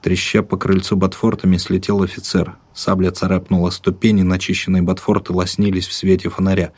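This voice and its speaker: A man reads a dark tale aloud in a measured, vivid way, lingering on rhythmic lists. His voice sits low and carries a husky grain. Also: completely flat delivery. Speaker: narrator. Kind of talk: dramatic audiobook narration.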